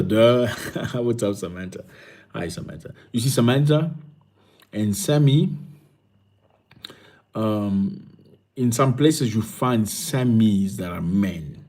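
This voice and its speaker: A man hosts a live stream, reading out viewers' messages one after another and thanking each by name. His voice sits a bit low and sounds dark and mellow. He talks in a relaxed, chatty way. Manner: reads viewer comments aloud, warm greetings and thanks. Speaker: livestream host. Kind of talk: casual livestream chat greeting viewers.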